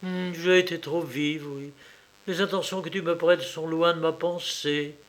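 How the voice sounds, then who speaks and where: A man's voice: on the high side, steady tone, a little slow, close to an everyday voice. A man voicing a tearful, pleading baroness. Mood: anxious. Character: distraught emotional woman, a wealthy baroness. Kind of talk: audiobook reading.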